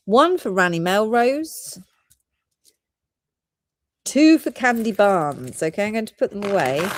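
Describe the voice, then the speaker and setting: A woman's voice: mid-range voice, a little mellow. Chatty British woman selling pearls live. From Britain. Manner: chatty, giggly, rambling product talk. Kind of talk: live shopping stream.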